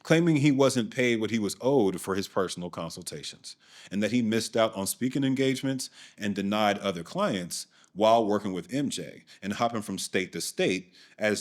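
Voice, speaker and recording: A man hosting and narrating a documentary in a scripted way, with dry, sardonic asides. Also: fairly low pitch. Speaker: documentary host.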